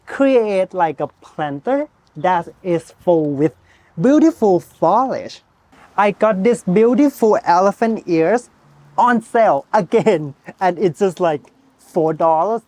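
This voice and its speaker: Higher-voiced man. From Thailand. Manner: chatty, relaxed, speaks to viewer directly. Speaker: gardening channel host. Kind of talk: casual how-to gardening vlog. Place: outdoors in a home garden.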